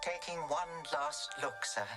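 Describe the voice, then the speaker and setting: A wistful, formal protocol droid played by a man speaks slowly in a fairly high voice. It is film trailer dialogue over loud music. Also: lightly acted.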